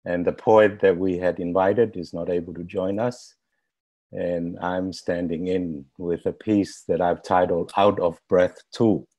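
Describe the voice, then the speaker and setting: Slow, deep-voiced man reciting a poem. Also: flat delivery, darkish tone, lo-fi sound. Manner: slow, measured poetic recitation. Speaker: stand-in poet. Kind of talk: reading a poem as a benediction.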